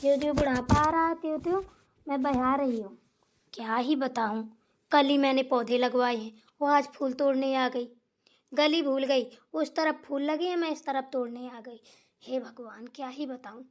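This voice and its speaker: A woman voicing an aging village mother who is bossy and short-tempered, yelling shrilly and muttering to herself. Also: high voice, moderate pace, lightly acted. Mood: rueful. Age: older. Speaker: cartoon character voice. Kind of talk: cartoon voice acting.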